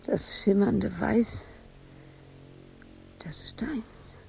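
Playing a tormented, exhausted sculptor fixated on her work, an actress delivers a radio drama monologue in faltering fragments, often sinking into breathy whispers. Her medium-pitched voice has a darkish tone and an exaggerated quality, conveying a feverish, urgent mood.

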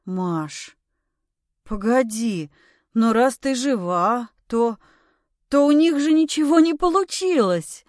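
A woman voicing a frantic, pushy middle-aged husband who talks loudly and pleads and orders in turn. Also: on the high side, lively intonation, slow, no echo, studio quality. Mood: excited. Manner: loud, agitated, pleading and bossy.

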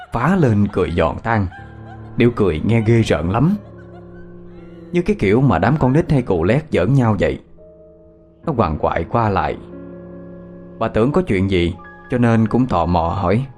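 A man narrating a ghost story as a lively, dramatic storyteller. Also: lowish voice.

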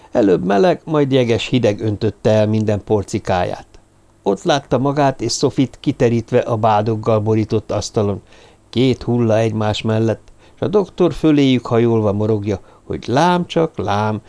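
Male audiobook narrator, dark mellow tone, steady suspense read. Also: lowish voice. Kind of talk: scripted narration.

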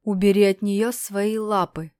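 A woman's voice: fairly low pitch, steady tone, a little slow, a little mellow, dry recording, lightly acted. A woman voicing a stern young male prince with a firm, harsh and possessive manner.

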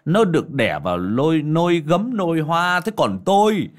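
A man's voice: on the low side, sing-song, normal speed, fairly bright tone, full character voice. A man voicing a spoiled, greedy young man who talks down to his mother in a bossy, scornful way.

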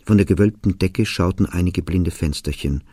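Low, husky man reading literature. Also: normal speed, no echo, clean studio sound. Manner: calm, even, reflective. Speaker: narrator. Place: recording studio.

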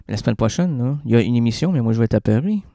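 Québécois man with a wildly animated voice. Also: medium pitch, rapid-fire, creaky, no echo, clean studio sound. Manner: theatrical, rambling, playful wordplay. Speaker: radio columnist. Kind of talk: absurdist comedic radio monologue.

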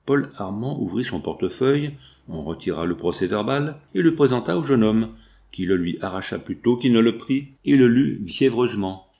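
A man narrating a 19th-century novel as an audiobook, in a measured, dramatic way. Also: lowish voice, lively intonation, vocal fry, mellow. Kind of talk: audiobook reading.

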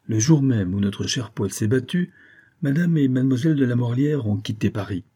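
A man reading an audiobook and voicing a loyal gentleman baron who explains matters calmly and persuasively. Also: mid-range voice, moderate pace, husky.

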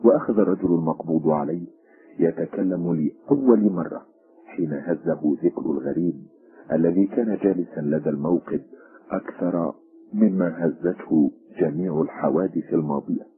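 A man reading a literary story aloud as an expressive audiobook narrator, with a tinny phone-like sound. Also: low-pitched, normal speed.

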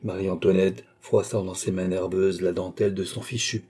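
A man narrating a classic novel as an audiobook, in a measured, dramatic storytelling manner. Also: low-pitched, little pitch movement, dark tone, husky.

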